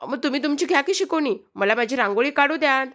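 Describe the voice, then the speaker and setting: A woman's voice: moderate pace, a bit bright, lightly acted. A woman doing a spirited young girl. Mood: insistent. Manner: high, insistent and argumentative.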